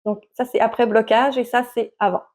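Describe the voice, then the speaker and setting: Showing off her knitting in a casual chat to camera, a woman speaks at a moderate pace with a higher, darkish voice and fairly even intonation. Her speech is hesitant, with many fillers and restarts.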